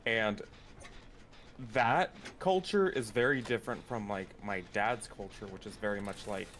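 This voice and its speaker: A man's voice: fairly low pitch, a little slow, fairly bright tone, a little hiss or hum. An American man from Texas chatting casually during a game, explaining things in a conversational way. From Texas, United States. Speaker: co-player on a livestream. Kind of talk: casual chat while gaming.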